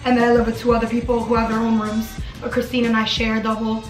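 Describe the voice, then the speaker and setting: A woman's voice: a little high, monotone, very fast, roomy sound, faint music behind, rough recording. A woman in her twenties chatting casually in her dorm room as a vlogger, filling her talk with "like". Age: 20s. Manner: chatty, lots of "like" fillers. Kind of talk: casual chat.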